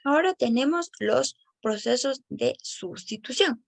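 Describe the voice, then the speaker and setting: Woman explaining speech development, gravelly tone. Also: high-pitched, lively intonation, no echo. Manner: careful, explanatory, slows down on example words. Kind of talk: reading an educational presentation.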